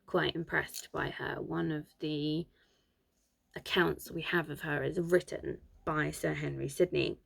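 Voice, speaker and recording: Casual woman host with a sore throat, reading history from notes with chatty asides, a fairly low voice. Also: steady tone, unhurried, vocal fry, fairly bright tone.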